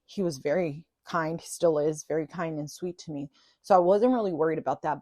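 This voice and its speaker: Chatty woman with a lowish voice, storytelling. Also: no echo, clean studio sound. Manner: chatty and animated, acting out quoted voices, self-teasing. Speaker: vlogger telling a personal story. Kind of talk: casual storytelling monologue.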